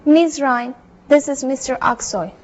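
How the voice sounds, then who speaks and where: A language student with a high voice practices short phrases in a classroom role play, speaking carefully and unhurriedly, one line at a time. The recording sounds dull and lo-fi.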